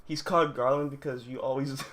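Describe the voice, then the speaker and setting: A man commenting live on a comic chapter, excitable, slangy and given to repeating himself. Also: mid-range voice, fast talker. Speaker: streamer.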